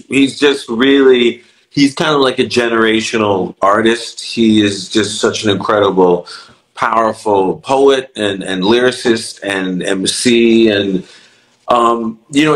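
A man's voice: mid-range voice, a bit bright, low-quality recording. A middle-aged man, a music producer, talking reflectively in a casual interview, often restarting with "you know". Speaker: music producer and songwriter, guest.

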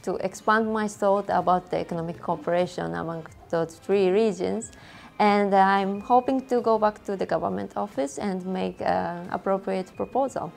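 A woman in her thirties from Japan, a research fellow calmly introducing herself and her work on camera in an office. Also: medium pitch, normal speed, gravelly, soft background music. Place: office with bookshelves, indoors.

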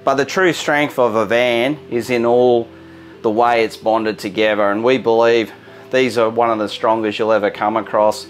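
An Australian company head in his forties gives an upbeat, informal walk-through tour of a large indoor caravan factory and a van interior, gesturing at fittings as he walks the production line. His voice is medium-pitched at a normal speed, with faint music underneath.

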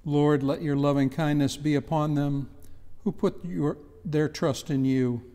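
An older man leading the prayers of the people in a measured, reverent reading in a church. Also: fairly high pitch, fairly even intonation, warm tone, big-room sound. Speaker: prayer leader. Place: church chancel, indoors.

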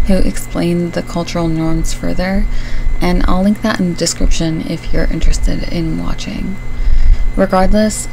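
A woman from Syria narrating a true crime video in a measured, earnest, explanatory way. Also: lowish voice, background noise. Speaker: true crime channel host.

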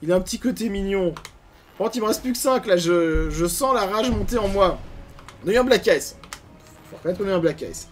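A man giving casual gameplay commentary as a gaming YouTuber, animated, grumbling and swearing at bad loot. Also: high-pitched, a little fast, soft background music.

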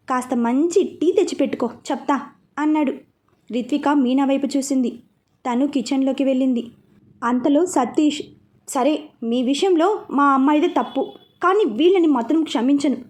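A woman's voice: sits high, a little mellow. A woman reading a romance novel aloud, narrating it and speaking every character's lines herself. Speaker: storyteller. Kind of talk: audiobook narration.

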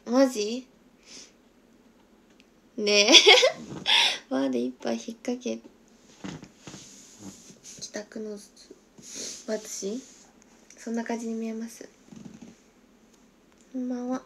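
Giggly young woman with a gravelly edge. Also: fairly high pitch, slight background noise. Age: 20s. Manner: giggly, drops to a soft whisper while reading comments. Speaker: idol livestreamer. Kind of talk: casual livestream chat reading viewer comments.

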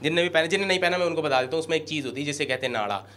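A man with an Indian accent doing animated stand-up comedy storytelling on stage and acting out the quoted lines. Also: fairly high pitch, very fast. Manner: animated, acts out quoted lines, addresses the crowd directly. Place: comedy stage before a live audience. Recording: live show with loud crowd laughter and noise. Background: loud audience laughter.

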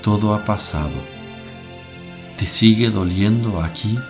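An actor playing Jesus as a calm, gentle man in a radio drama, speaking softly and soothingly. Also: on the low side, takes it slowly. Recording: music bed behind voice.

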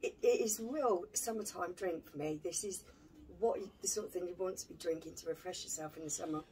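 Woman gushing over a beer at a home bar, lowish husky voice, kinda far from the mic. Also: a little fast, darkish tone. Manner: descriptive, gushing tasting notes. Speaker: beer reviewer, co-host. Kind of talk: casual beer tasting chat.

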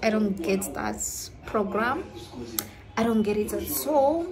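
A woman's voice: mid-range voice, animated, slow, a crowd in the background, rough recording. A young woman with a Kenyan accent vlogging casually to her phone at arm's length at home, switching between English and Swahili in a candid, chatty way. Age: young adult. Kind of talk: casual vlog chat to camera. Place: home kitchen, indoors. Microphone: phone held at arm's length.

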